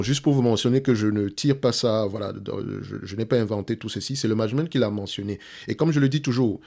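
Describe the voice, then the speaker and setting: A man's voice: mid-range voice, darkish tone. A man whose first language is French, hosting a stock analysis walkthrough over a shared screen. He hesitates often, repeats words and keeps checking in with his viewers, and speaks English with a French accent. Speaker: investment analyst, channel host.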